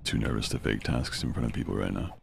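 A man with a gravelly voice chatting casually as he plays an online game. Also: extremely low pitch, fast talker, soft background music. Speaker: video game player. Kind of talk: casual gaming chat.

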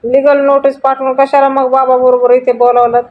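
A woman's voice: sits high, little pitch movement, moderate pace, a little hiss or hum, natural voice. A woman voicing a nervous young woman who protests defensively. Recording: dull lo-fi audio.

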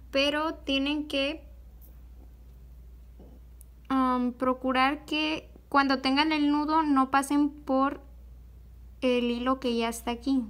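A young woman with a high voice walks viewers through a beading project step by step. She talks slowly and patiently, pausing on fillers while her hands work. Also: a bit bright. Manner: slow, patient, with many fillers like "este". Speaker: beadwork tutorial host. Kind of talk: step-by-step craft tutorial.

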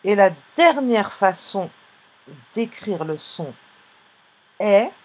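A woman with a medium pitch and lively intonation leads young learners through a phonics lesson online, live. Her speech is slow and clear as she patiently breaks words into sounds and letters.

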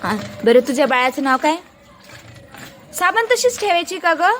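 A woman's voice: high voice, sing-song, moderate pace, a bit bright, slight background noise. A young woman, a mother filming her small children, coaxing them with playful, repeated questions in a casual family vlog.

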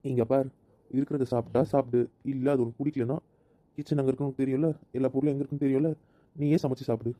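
Fast-talking, dark-toned husband, bossy and teasing played by a man. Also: mid-range voice, steady tone, no room sound, lightly acted. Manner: commanding, teasing. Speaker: voice actor in audio drama. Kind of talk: amateur audio drama acting.

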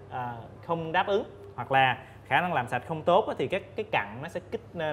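A man in his thirties, a guest expert on a studio panel, explaining methodically with frequent pauses and fillers, on a lapel mic. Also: fairly high pitch, fairly bright tone, a little hiss or hum. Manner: measured, explains step by step with many fillers. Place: indoor TV studio set.

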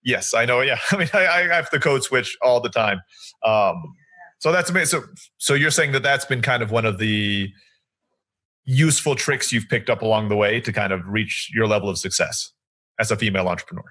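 A man's voice: medium pitch, fairly quick, pushed and bright. A man with an American accent, from the Middle East, talking conversationally as a podcast host. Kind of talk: conversational interviewing.

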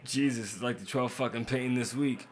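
A man's voice: medium pitch, brisk, lightly acted. A man in a short film, trading sardonic, profane banter and narrating in voice-over.

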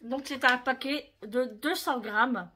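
Slow, chatty woman showing her shopping. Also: high-pitched, background noise. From France. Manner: chatty, talks straight to viewers, fond of "hein". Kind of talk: casual haul vlog.

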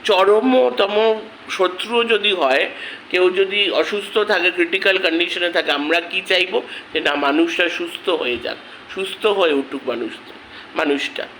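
A man with a headache, talking slowly and quietly in an angry protest vlog on his channel. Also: high-pitched, slight background noise, rough recording. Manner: speaks slowly and quietly, rising in anger. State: has a headache. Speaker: vlogger.

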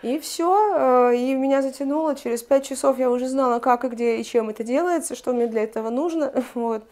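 A woman's voice: sits high, fairly quick, a little mellow. A woman chatting casually about her houseplants at home, with lots of fillers and restarts. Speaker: plant collector showing her plants. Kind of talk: casual chat. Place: home, indoors among houseplants.

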